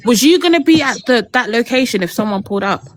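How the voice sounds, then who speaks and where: A woman's voice: fairly high pitch, lively intonation, fast talker. A woman in a heated live online argument, pressing challenging questions in slangy speech.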